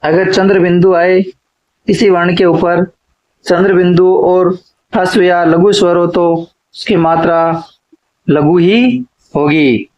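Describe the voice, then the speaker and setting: A man with a high voice lectures at an unhurried, deliberate pace, giving each rule twice as if dictating to students preparing for an exam. The recording is dull and lo-fi. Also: steady tone, a little mellow. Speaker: Hindi literature teacher.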